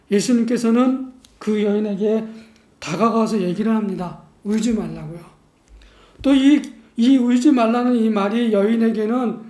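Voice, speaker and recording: A man preaching a sermon as pastor in a church, measured and unhurried, posing rhetorical questions to the congregation. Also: high-pitched, dark tone. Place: church sanctuary. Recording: echoey church room.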